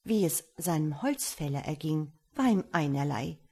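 A woman reads a fairy tale aloud in a calm, measured storytelling manner. Her voice sits slightly low and she takes her time over the phrases. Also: slightly rough.

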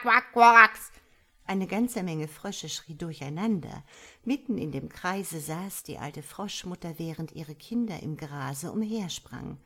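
A woman narrating a storybook in an expressive, unhurried way. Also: low voice, breathy edge. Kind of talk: storybook reading.

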